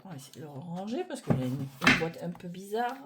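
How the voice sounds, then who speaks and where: A woman reviewing tarot decks in a casual, hesitant chat, often pausing with fillers and laughing at her own clumsiness, recorded on a phone on a stand at home. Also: on the low side, very animated, very noisy. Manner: chatty, hesitant, self-deprecating, many fillers.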